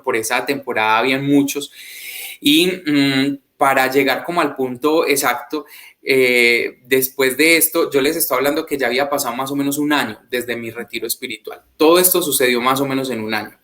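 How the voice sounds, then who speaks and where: A man's voice: mid-range voice, a bit bright. A young man, earnestly telling his personal faith testimony in a reflective way. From Colombia. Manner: earnest, reflective, quotes others in a raised voice. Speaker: guest giving a faith testimony.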